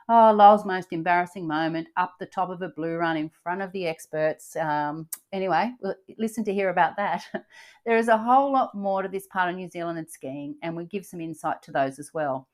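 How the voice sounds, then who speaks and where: An older Australian woman co-hosts a travel podcast in a low, easy voice. She chats along casually, filling gaps with ums and quick laughs. She sounds like a grandmother talking with friends. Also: a little mellow. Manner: chatty, laughs often, many ums. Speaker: podcast host.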